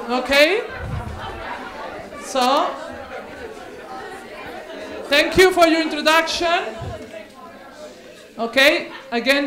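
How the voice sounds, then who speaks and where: A woman leading a workshop in a large hall, playful and coaxing, laughing often. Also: sits high. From Spain. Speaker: workshop leader. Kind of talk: lively workshop hosting. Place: large indoor hall with an audience. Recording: echoey hall with crowd chatter.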